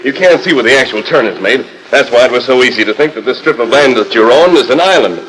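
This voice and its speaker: An actor playing an assured masked hero of the West in a 1940s radio drama, speaking with precise authority. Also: male voice, medium pitch, animated, fast talker, noisy background, lightly acted. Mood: assured, commanding. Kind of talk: 1940s radio Western acting. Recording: 1940s radio transcription disc.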